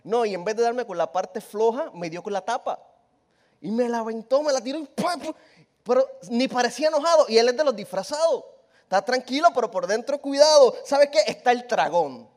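A man preaching a lively, humorous sermon, telling stories and asking the congregation rhetorical questions. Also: very high-pitched, fairly quick.

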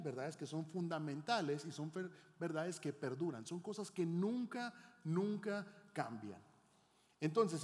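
Middle-aged guy preaching, kinda high voice, lots of echo in the church, keeps asking the crowd questions. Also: darkish tone. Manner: teaching, asks the congregation questions. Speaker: pastor. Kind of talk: sermon. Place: church hall. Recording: long hall reverb.

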